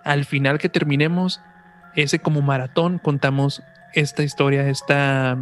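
This man hosts a podcast with a Mexican accent, chatting casually and reading aloud, informal and prone to self-correction, while music plays behind him. His voice runs on the high side, steady and fairly bright, and he is unhurried.

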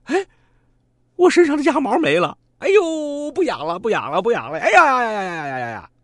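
A man's voice: huge pitch swings, unhurried, sharp tone, breathy edge, no room sound, clean studio sound, heavily acted. A man voicing a whiny male duck thief who yelps and pleads. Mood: overjoyed. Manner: high yelping wails and wheedling.

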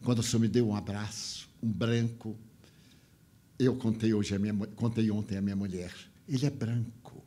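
A man's voice: on the low side, steady tone, moderate pace, mellow. An older man giving a spiritual talk, telling a story with feeling and mimicking the voices and sounds of the people in it.

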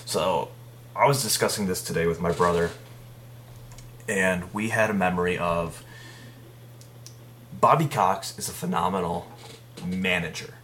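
A man's voice: low voice, steady tone, a little slow, long pauses, fairly bright tone, slight background noise. A man co-hosting a podcast, chatting casually and joking with a laugh in his voice. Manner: jokey, laughs often. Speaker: podcast co-host. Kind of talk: casual chat.

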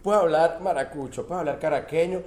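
A man with a Venezuelan accent, hosting a casual chat in a relaxed, easygoing way. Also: a little high, brisk. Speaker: host. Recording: echoey room with faint noise.

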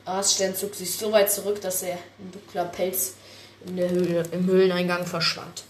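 A woman narrating an improvised animal tale, lively and often restarting her words. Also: on the low side, normal speed, recorded from a distance. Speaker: storyteller. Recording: echoey room, faint background noise.

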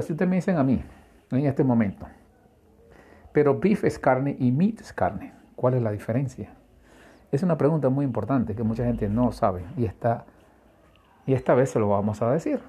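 Male English teacher, husky and mellow, patient, spells words out letter by letter. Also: medium pitch. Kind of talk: language lesson.

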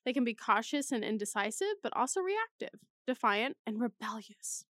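A woman's voice: on the high side, very animated, moderate pace, a bit bright, dry recording, studio quality. A young woman in college reading personality test results aloud in a casual way, with chatty, self-mocking asides. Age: young adult. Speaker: vlogger.

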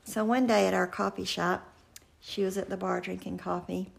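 Gravelly, husky-voiced woman preaching. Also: mid-range voice, flat delivery. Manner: earnest, slows and drops to a whisper for emphasis. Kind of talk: sermon with personal storytelling.

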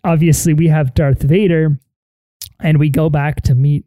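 A man's voice: on the high side, steady tone, normal speed, mellow, no echo. A man co-hosting a casual film review podcast, talking in a laid-back, slangy, mocking way. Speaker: podcast co-host.

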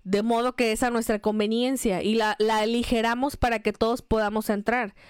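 A woman speaks in an earnest, preacherly manner on a faith podcast. Her voice is smooth and clear, and it sits a little high for a woman. The recording is dry and close to the mic. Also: fairly even intonation, a little fast, dry recording. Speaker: podcast co-host.

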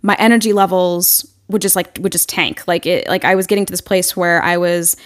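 A woman's voice: on the low side, steady tone, a little fast. Chatty, candid woman consultant. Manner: candid, chatty, frequent "like" and restarts. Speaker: marketing consultant and business owner. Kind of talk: casual podcast interview.

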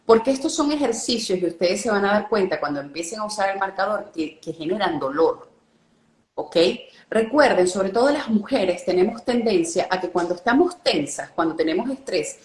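A woman's voice: medium pitch, expressive, normal speed, reverberant. A woman explaining speaking techniques as a guest coach, checking in with listeners often. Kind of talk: instructional live-stream talk.

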